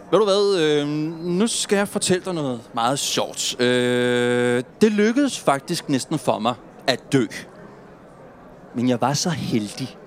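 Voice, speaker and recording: En stammende, rastløs mand i trediverne, der kæmper med fortiden efter sit drukkeri, spillet af en skuespiller. Han gentager ordene og taler i løse brudstykker, og hans stemme ligger i et helt almindeligt mellemleje. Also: male voice, medium pitch, expressive, close to an everyday voice. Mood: haunted. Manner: stammering, repeating words, rambling. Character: haunted man in his thirties recovering from heavy drinking, restless. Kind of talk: film drama acting.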